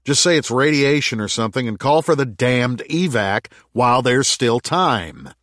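A man's voice: mid-range voice, animated, normal speed, fairly bright tone, dry recording, pitched above the performer's own voice, close to an everyday voice. A man voicing a blunt, hot-tempered young man who talks impatiently, in a dry recording.

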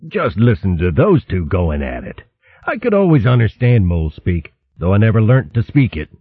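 A man's voice: lowish voice, big pitch swings, moderate pace, husky, no room sound, heavily acted. A man playing a hearty sailor-talking otter. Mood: friendly. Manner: breezy sailor slang, dropped h's. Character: cheery, sturdy male otter adventurer. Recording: thin phone-like dry sound.

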